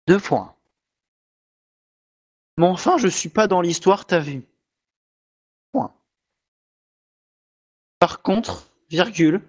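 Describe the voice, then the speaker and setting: A man's voice: sits high, dull audio, full character voice. A man putting on a half-robotic voice to dictate a text aloud, reading out every punctuation mark like a machine in a comic video. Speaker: YouTuber.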